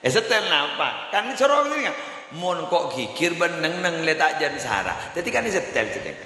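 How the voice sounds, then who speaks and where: Animated preacher man in echoey hall. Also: moderate pace. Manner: animated storytelling, sudden high squeals and low mutters, laughing. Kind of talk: comic Islamic sermon. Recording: echoey hall, faint background noise.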